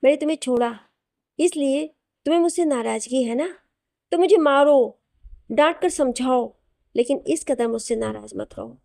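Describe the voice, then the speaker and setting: A woman's voice: high voice, normal speed, creaky, a little mellow, no echo, studio quality. A woman voicing a young husband who is jealous and insistent, pleading with his estranged wife.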